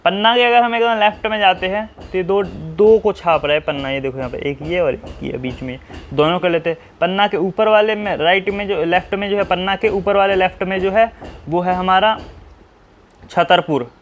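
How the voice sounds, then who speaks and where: A man's voice: sits high, steady tone, moderate pace, a little hiss or hum. A man teaching how to draw a map. He keeps asking himself short questions and answering them, and he spells names out letter by letter. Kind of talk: map-drawing tutorial.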